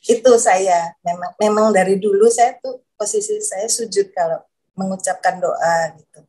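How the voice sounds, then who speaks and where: A woman's voice: mid-range voice, moderate pace, dark tone. A woman giving a personal testimony in a casual, hesitant way, repeating herself and searching for words, growing emotional as she speaks. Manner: emotional, voice rises when moved. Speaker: guest giving a conversion testimony.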